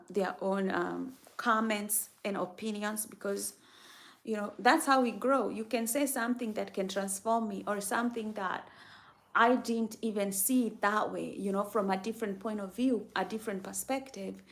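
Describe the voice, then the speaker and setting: A woman's voice: medium pitch, steady tone, normal speed. A woman from Kenya hosting a livestream, giving an emphatic, faith-based motivational talk and repeating her key phrases for effect. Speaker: livestream host.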